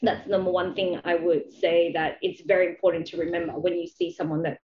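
Speaking quickly with a flat delivery, this lowish-voiced Malaysian woman chats casually about her experience as an interview guest, often saying "you know." She founded a charity. Background noise is present, and the audio is dull, roomy and full of echo.

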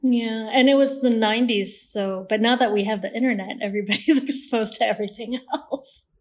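A Malaysian woman with an American accent is a guest on a podcast, chatting in a relaxed, talkative way full of ums and laughter during a casual interview. She speaks fairly quickly in a fairly high pitch.

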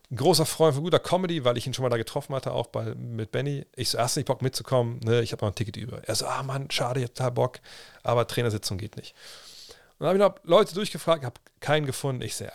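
A man's voice: mid-range voice, vocal fry, no room sound, clean studio sound. A man in his thirties, telling a casual story on a livestream, chatty and full of slang and restarts. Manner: chatty, slangy, restarts and quoted self-talk. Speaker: livestream host.

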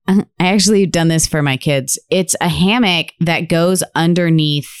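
Woman podcast co-host, low-ish smooth voice, dry close sound, chatty and laughing. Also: unhurried, dry recording. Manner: chatty, laughs often, says y'all. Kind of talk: casual chat.

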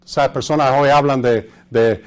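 A man with a Puerto Rican Spanish accent preaching and reading scripture, repeating phrases for emphasis and pausing to search for words. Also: mid-range voice, fairly even intonation, clear, resonant tone, muffled recording. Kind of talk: sermon with Bible readings and asides to listeners.

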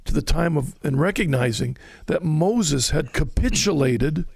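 A man's voice: on the high side, lively intonation, a little slow, vocal fry, husky, no room sound. A man co-hosting a conversational Bible study, explaining a passage verse by verse and reading scripture aloud. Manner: explanatory, reads scripture aloud, stumbles over words at times. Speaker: Bible teacher co-host.

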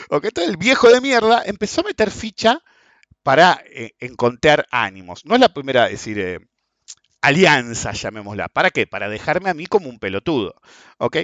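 A man's voice: medium pitch, no echo. A man in his forties with an Argentine accent, casually telling a personal anecdote, acting out the dialogue and swearing freely. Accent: Rioplatense Argentine Spanish. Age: 40s. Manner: animated, acts out quoted dialogue, swears freely. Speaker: storyteller.

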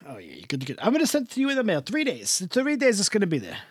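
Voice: medium pitch, big pitch swings, a little fast, no room sound, studio quality, close to an everyday voice. A radio co-host voicing a jovial, pushy older Italian-American man who stuffs "a" before every noun and mangles Italian food names. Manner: exaggerated sing-song swoops. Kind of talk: comedic bit in a radio show.

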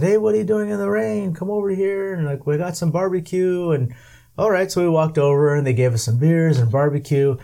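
Mellow, laid-back host who laughs often. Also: male voice, medium pitch. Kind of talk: casual chat.

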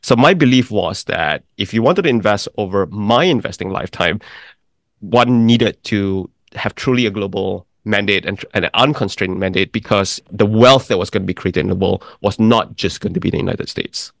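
A middle-aged man from Malaysia, a firm founder explaining his ideas in a deliberate, measured interview. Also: fairly low pitch, vocal fry, dry recording, clean studio sound. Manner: deliberate, explanatory, lists points in sequence. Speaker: investment firm founder, guest.

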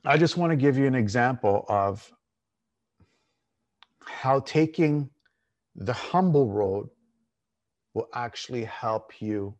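A man's voice: medium pitch, expressive, dull audio. Emphatic man giving a motivational talk. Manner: emphatic, with repeated phrases and dramatic slowed stresses; informal, candid, mildly crude. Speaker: fitness and mindset coach, show host. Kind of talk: motivational coaching talk to an online audience.

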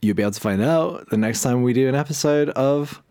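A man's voice: mid-range voice, fairly quick, darkish tone, clean tone. A man hosting a podcast, reading an adventure game book aloud as game master, with hesitant, filler-heavy asides between passages.

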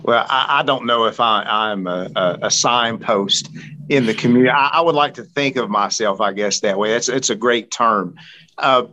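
Male podcast guest, Central Appalachian accent, earnest and conversational, halting delivery with repeated words. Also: mid-range voice, bright, forceful tone. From rural Central Appalachia, United States.

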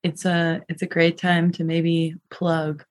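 A woman taking part in a podcast conversation. Her voice sits a little low. She speaks in a casual, chatty style. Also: level tone, slow pace. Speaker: podcast panelist. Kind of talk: casual chat.

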